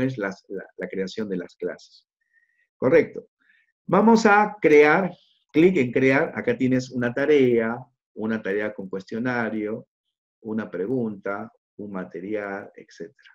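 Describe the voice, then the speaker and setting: Male trainer for a live online session. Mid-range voice that keeps checking in with attendees, dull lo-fi audio. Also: medium pitch. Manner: walks through clicks aloud, checks in with attendees often. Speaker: teacher trainer.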